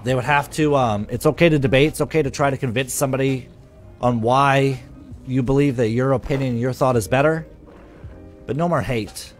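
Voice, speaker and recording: Chatting casually on his live stream, a man with a medium-pitched voice talks a little fast, cursing freely and reading viewers' comments out loud. Soft music runs in the background.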